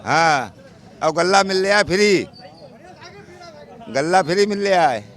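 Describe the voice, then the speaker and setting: A man's voice: sits high, expressive, unhurried, fairly bright tone. An older man speaks in a slightly raised voice. He is emphatic, saying each point twice to drive it home. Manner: emphatic, repeats his points. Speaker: local resident interviewed on the street.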